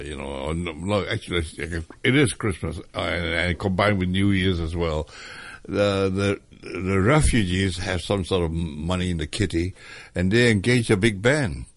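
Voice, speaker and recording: A man's voice: sits low, no room sound. An older man from Hong Kong, reminiscing hesitantly with many fillers in an interview. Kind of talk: oral history interview.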